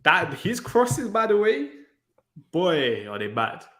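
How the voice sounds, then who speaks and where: A man's voice: sits high, sing-song, slow pace, fairly bright tone. A man chatting about football, hesitant and full of "kind of thing" and "innit". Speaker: co-host pundit. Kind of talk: casual football reaction chat. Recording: echoey room.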